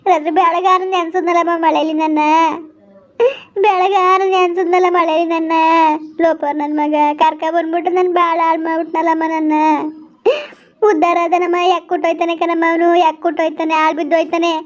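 A woman's voice: extremely high pitch, level tone, fast talker, lo-fi sound. A woman playing a sobbing pregnant village wife. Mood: bitter. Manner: tearful, pleading, self-reproaching. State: crying. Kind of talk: amateur village drama skit.

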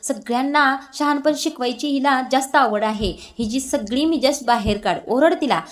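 A woman voicing a spiteful young woman who mutters slow, gloating thoughts to herself. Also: sits high, lightly acted.

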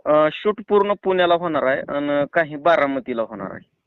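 This prank caller's voice is on the high side, expressive and clean, at a moderate pace in a dry recording. He has a rural Maharashtrian Marathi accent and chats casually over a tinny phone line, persuading and reassuring.

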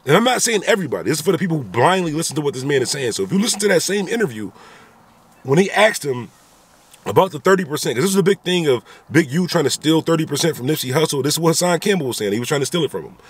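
Speaking very fast and very animatedly, this man in his thirties has a voice on the high side. He vlogs his opinions from inside a car into a phone camera at arm's length, tossing in rhetorical asides again and again.

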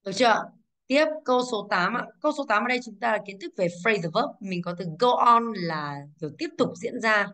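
Young woman teacher in class, quick and bossy, keeps asking got it?. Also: medium pitch, fairly bright tone. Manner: brisk, scolding, checks understanding with rhetorical questions. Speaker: English teacher. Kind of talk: classroom exam walkthrough.

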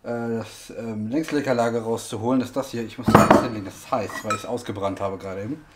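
A man's voice: fairly low pitch, steady tone, fast, background noise. A man hosting a car repair vlog, casually explaining his work and thinking aloud with many fillers. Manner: chatty, lots of fillers, thinks aloud while working. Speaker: host, car mechanic.

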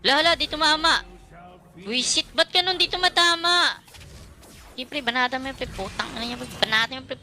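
A woman streamer giving excitable, foul-mouthed live commentary on her own gameplay, trash-talking her opponents. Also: high-pitched, a little fast. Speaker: gaming streamer.

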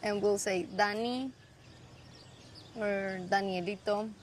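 A woman's voice: medium pitch, steady tone, slow pace, slight background noise, lightly acted. An actress in her twenties with a Colombian accent, playing a playful young woman teaching a visitor to pronounce words. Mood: chatty. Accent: Colombian Spanish. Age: 20s. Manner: teasing, patient, laughs easily. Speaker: lead character. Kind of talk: film dialogue.

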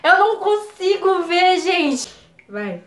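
A Brazilian woman with a Brazilian Portuguese accent reacting on camera, jumpy and excitable, scared and trembling, swearing and laughing as she talks. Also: extremely high pitch, slow, reverberant. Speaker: YouTuber. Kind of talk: reaction video chat.

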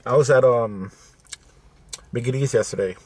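A man in his forties chatting casually to camera in a food video, talking between bites as he eats crispy food inside a car. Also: mid-range voice, normal speed, darkish tone. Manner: talking with mouth full between bites while eating crispy fish and chips. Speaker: food vlogger. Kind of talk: casual eating-show chat to camera. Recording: noisy in-car camera audio.

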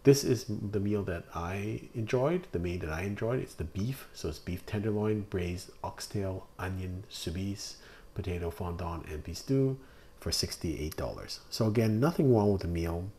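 A man's voice: low-pitched, moderate pace, warm tone. A man narrating a casual restaurant review over photos, talking plainly and hesitantly with many fillers. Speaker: food reviewer.

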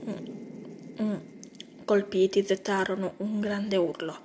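A woman narrating a homemade creepy story in a plain, unhurried way with small slips. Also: mid-range voice, steady tone, darkish tone, slight background noise. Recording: music bed under the voice. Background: music.

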